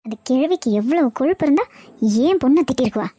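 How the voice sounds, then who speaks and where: A woman voicing an angry, pushy mother in an animated cartoon, nagging and indignant as she defends her daughter. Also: high-pitched, fast.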